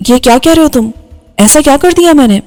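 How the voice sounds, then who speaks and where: A woman's voice: a little high, expressive, big-room sound. Woman voicing a frightened, pleading young woman. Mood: upset. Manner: soft, hesitant pleading. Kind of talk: audiobook dialogue reading.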